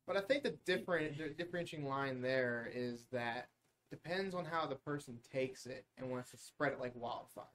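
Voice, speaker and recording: A man on a podcast, chiming in with short agreements and quick points. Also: mid-range voice, a bit bright, slight background noise. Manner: chimes in with short agreements and interjections. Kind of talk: casual podcast chat.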